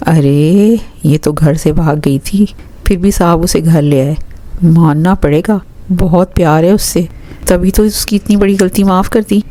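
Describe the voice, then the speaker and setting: A woman voicing a gossiping household maid in a romance novel, speaking low. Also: mellow, lightly acted.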